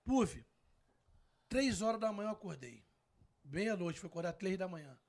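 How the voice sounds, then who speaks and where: A man's voice: high voice, normal speed, vocal fry. A man telling a long story in casual slang, acting out the dialogue. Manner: animated, slangy, acts out quoted dialogue. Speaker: guest storyteller.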